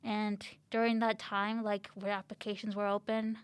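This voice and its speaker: A young journalism student from Chile, chatting casually with light laughs and "like" fillers. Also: female voice, medium pitch, level tone, moderate pace, clean tone, no room sound. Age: young adult. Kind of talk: casual interview answers.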